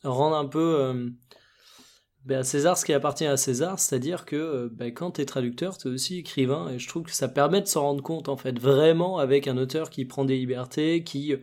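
Co-host, male, mid-pitched, loose slangy talk in a relaxed chat. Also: moderate pace. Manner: informal, slangy, thinking aloud. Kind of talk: casual podcast chat.

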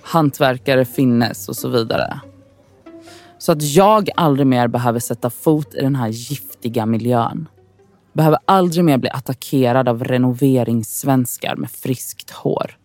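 A woman's voice: very deep voice, darkish tone, no echo, soft background music. A woman from Sweden in a scripted inner monologue, wry, frustrated and profane as she talks to herself.

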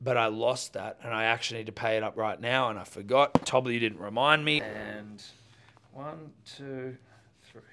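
A man hosting a casual podcast, telling stories with lively asides. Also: mid-range voice, normal speed, background noise. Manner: animated, storytelling with asides. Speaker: podcast host. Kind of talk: casual banter.

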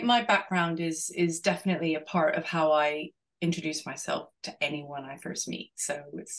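A middle-aged woman from Venezuela speaks in a low voice. She is a guest in a podcast interview and answers thoughtfully, pausing, restarting and filling gaps as she goes. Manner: reflective, many restarts and fillers. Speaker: podcast guest, executive coach. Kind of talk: conversational interview.

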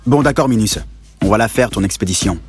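A man's voice: on the low side, a little fast, faint music behind, close to an everyday voice. A man voicing a nervous, teasing young schoolboy in an audio story.

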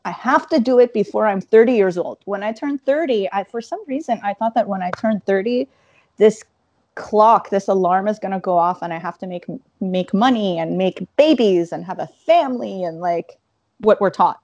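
A woman in her thirties, an interview guest, telling her career story in an animated way with quick asides. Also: medium pitch, no echo.

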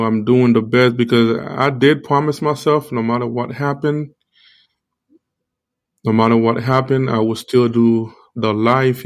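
With a sore tooth and gum, a live-stream preacher stumbles through a casual devotional talk, going back over the same phrases. He speaks at a medium pitch, and his aching mouth and tongue-led articulation slightly alter his speech.

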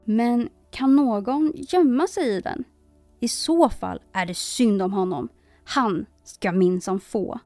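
A woman's voice: a little high, mellow, no echo, soft background music, close to an everyday voice. A woman voicing an old male carpenter who mutters to himself in a storybook reading. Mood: frightened. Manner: muttering, nervous false cheer.

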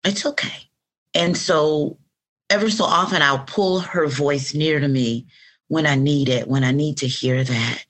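Woman in her fifties, podcast guest, slightly low voice, lively storytelling, interview. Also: a little slow. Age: 50s. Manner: reflective, animated storytelling with quoted affirmations. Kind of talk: conversational interview.

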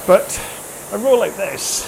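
A man's voice: high voice, animated, slow pace, gravelly, background noise. A man coaching a follow-along workout while exercising on a rowing machine, speaking in short phrases broken by effort.

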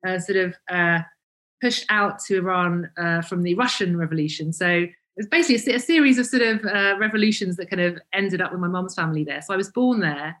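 Here the vegan brand founder, a woman in her 40s from Cambridgeshire, England, sounds fairly low-pitched, brisk and a bit bright. In this reflective interview she keeps restarting, saying um often and running herself down.

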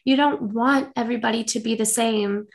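Young woman cohosting a podcast, lots of vocal fry, earnest and rambly. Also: fairly high pitch, steady tone, fairly quick. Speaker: podcast co-host. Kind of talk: casual chat.

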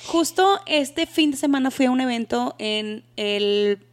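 Mexican woman cohost, slangy and lively, tells stories, kinda high voice. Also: unhurried. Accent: Mexican Spanish. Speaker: podcast co-host. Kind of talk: casual chat.

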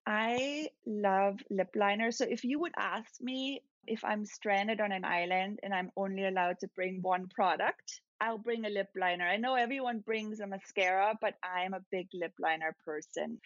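A woman's voice: medium pitch, normal speed, few pauses, no room sound. A woman from Austria, a makeup artist, chatting casually on a podcast and laughing often. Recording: dull dry remote mic sound.

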